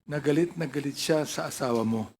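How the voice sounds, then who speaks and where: A man's voice: fairly high pitch, fairly quick, a little mellow, slight background noise. Man probing a witness at a hearing. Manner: pointed, probing questions. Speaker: official questioning a witness. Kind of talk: formal questioning at a hearing.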